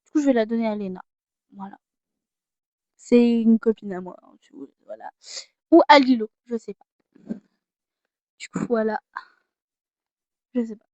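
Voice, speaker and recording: A woman's voice: fairly high pitch, moderate pace, pauses often, darkish tone, no room sound, dull audio. A teenage girl chatting casually as she shows off her gifts, self-mocking and easily distracted. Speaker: vlogger. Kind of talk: casual haul vlog.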